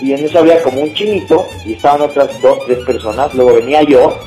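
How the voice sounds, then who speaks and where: A young man with a Mexican accent telling a funny story to friends in casual, slangy talk, laughing and acting out shouts. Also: mid-range voice, quick pace, echoey room, soft background music, rough recording. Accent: Mexican Spanish.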